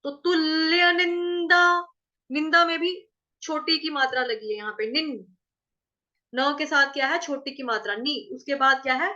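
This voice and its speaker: A woman with a Hindi accent, teaching Sanskrit verse pronunciation, sings phrases in long drawn-out tones and quizzes her students patiently. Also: sits high, bright, forceful tone, dull audio. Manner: drawn-out sung model phrases, then quick plain explanations. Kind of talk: slow line-by-line pronunciation lesson.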